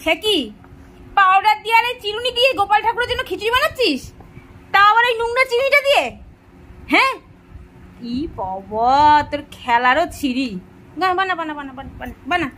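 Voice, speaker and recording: A woman's voice: extremely high pitch, animated, fast, sharp tone. A woman filming her small daughter at home, coaxing and teasing her with frequent exclamations. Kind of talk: casual home video chat with a toddler.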